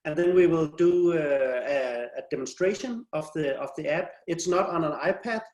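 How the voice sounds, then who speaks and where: A middle-aged man, an IT and design specialist, gives an online presentation from an indoor room over a video call, speaking haltingly and hesitantly in a slightly high, slightly mellow voice. His talk is interpreted during pauses, and the video-call audio sounds roomy and echoey.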